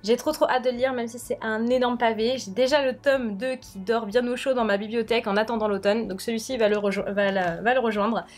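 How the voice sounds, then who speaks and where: A woman's voice: fairly high pitch, fairly even intonation, brisk, hardly any pauses, faint music behind. A young woman presenting books to camera in a chatty, informal and gushing way. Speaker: book vlogger. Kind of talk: casual book haul presentation to camera.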